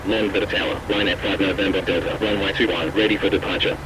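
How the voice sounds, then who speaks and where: A man with a very low voice speaks as the pilot on the cockpit radio, rattling off readbacks of clearances in quick, clipped phraseology. A heavy engine rumble sits underneath every call. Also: level tone. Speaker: flight simmer playing the pilot. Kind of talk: pilot radio calls to air traffic control. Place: flight simulator setup.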